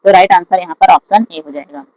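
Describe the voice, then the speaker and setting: Teacher reading English exam questions slowly. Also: mid-range voice, a little mellow, no echo, rough recording. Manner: reads English questions slowly, explains in Hindi. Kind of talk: lecture solving exam questions.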